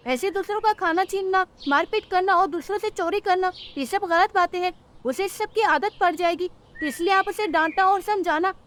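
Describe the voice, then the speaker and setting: A woman's voice: very high-pitched, normal speed, fairly bright tone, pitched above the performer's own voice. A woman voicing a kind, earnest mother sparrow in a cartoon who speaks in a pleading way.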